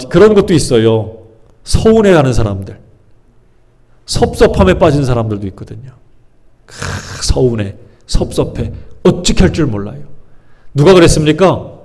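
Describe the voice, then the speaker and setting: Male pastor, slightly high voice, preaches by quizzing the congregation and voicing people's inner thoughts. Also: darkish tone. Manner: asks the congregation rhetorical questions and answers them. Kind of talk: sermon.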